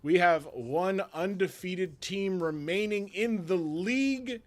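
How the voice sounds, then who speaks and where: Excitable man streaming match commentary. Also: sits high, slow. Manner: rambling and excitable, laughs often. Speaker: league commissioner and host.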